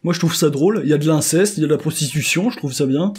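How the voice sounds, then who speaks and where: A man's voice: fairly high pitch, very fast, slightly rough. A young man casually joking and swearing while commentating a co-op game he plays with a friend. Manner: joking, crude, excitable. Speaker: gamer co-host.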